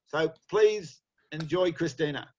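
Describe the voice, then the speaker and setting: A man introducing a guest speaker on a video call, with a warm, praising manner. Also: on the high side, unhurried, dull audio.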